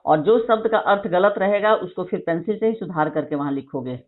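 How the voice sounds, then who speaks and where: A woman teacher dictating a vocabulary list to her class, repeating each word slowly and explaining spelling. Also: on the low side, animated. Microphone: phone recording of an online class. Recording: tinny phone-like screen recording.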